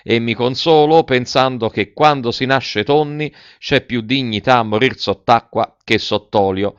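A man's voice: mid-range voice, a little slow, clean tone, dry recording, lightly acted. A man voicing a resigned, philosophical tuna fish with a cracked, twangy voice like an out-of-tune guitar. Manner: calm, resigned and wry. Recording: dull, dry audiobook recording.

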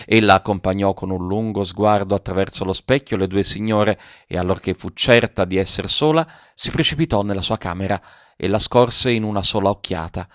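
A man with a lowish voice reads a literary story aloud in a measured, even manner. The recording is dry with no room sound, and slightly dull in tone. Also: dry recording. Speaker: narrator. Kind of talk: scripted literary narration.

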